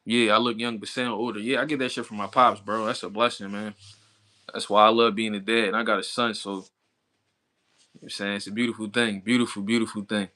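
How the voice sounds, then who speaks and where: This boxing livestreamer, a man in his thirties, talks quickly in a lowish, level, sharp voice. He chats casually with viewers in the live chat, relaxed and slangy, and laughs a lot.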